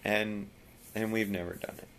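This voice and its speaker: Tired man, very deep gravelly voice, rambling casual vlog chat, faint background hiss. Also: steady tone, moderate pace, fairly bright tone. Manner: rambling, drops voice very low at times. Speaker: vlogger.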